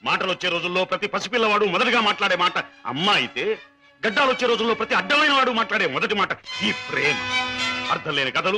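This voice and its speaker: An actor playing a stern wealthy father who lectures scornfully against love and drops English phrases, heard over film music. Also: high voice. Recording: film soundtrack with music behind.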